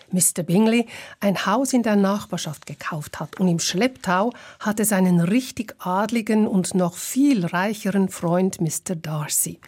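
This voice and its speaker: A woman hosting a radio literature program, presenting in a clear, composed, scripted way. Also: medium pitch, darkish tone. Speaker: radio literature show host.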